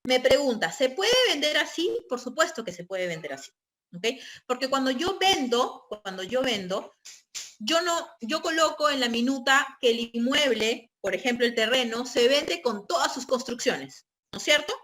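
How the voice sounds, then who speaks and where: Give me a woman with a slightly high voice leading an explanatory training lecture. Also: expressive, moderate pace, fairly bright tone. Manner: explanatory, checks in with tag questions. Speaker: real estate trainer.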